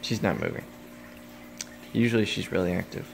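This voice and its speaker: A young man with a low, gravelly voice chats through a home vlog about his reptiles. He rambles, cracks jokes and talks straight to the animals. It is caught on a phone, with faint background noise. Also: wildly swooping pitch, normal speed. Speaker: reptile keeper vlogger. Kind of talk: casual vlog. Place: home, indoors. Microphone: phone camera.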